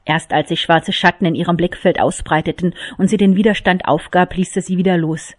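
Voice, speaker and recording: A woman's voice: fairly low pitch, fairly even intonation, fairly quick, no echo, studio quality. A woman reading a novel aloud. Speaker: audiobook reader.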